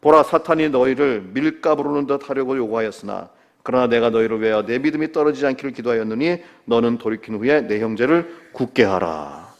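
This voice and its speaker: A middle-aged male pastor preaching a sermon, asking the listeners questions and answering them himself, dropping low to quote scripture. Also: animated, muffled recording. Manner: drops low and slow to quote scripture, rises when stressing a point.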